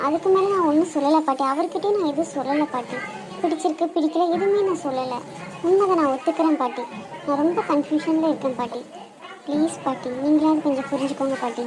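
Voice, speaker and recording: A woman's voice: sits high, fast talker, background noise, close to an everyday voice. A young woman playing a torn, pleading bride-to-be. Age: young adult. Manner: pleading, defensive. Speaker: daughter.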